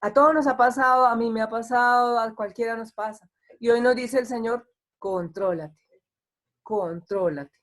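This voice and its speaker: A woman's voice: on the high side, flat delivery, a little fast, fairly bright tone. A woman pastor preaching an online sermon in a conversational way, acting out the complaints of the people she quotes.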